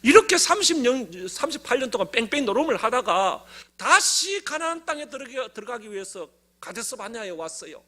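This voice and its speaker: Gyeongsang pastor preaching, really high voice, super lively, gets the congregation to repeat after him. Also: male voice, fairly quick, hardly any pauses. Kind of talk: sermon.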